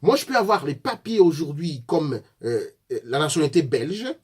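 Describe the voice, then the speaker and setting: Man, Congolese French accent, political activist, accusatory, animated pitch, husky. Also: normal speed. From Congo (DRC). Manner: fiery, accusatory, addresses opponents directly. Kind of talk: impassioned political address.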